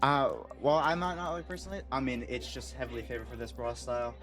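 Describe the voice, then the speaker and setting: A man's voice: medium pitch, steady tone, quick pace. A man giving conversational, opinionated analysis as co-caster of a live video game match. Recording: loud game music and gunfire behind. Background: loud game music, gunfire.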